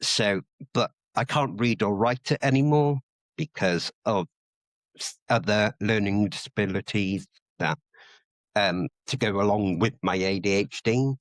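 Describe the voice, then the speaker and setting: A Welsh man, a native Welsh speaker from Wales who nonetheless sounds English, co-hosts a podcast in casual chat. He talks nervously, hesitating with many ums, in a lowish voice at a measured pace with no echo.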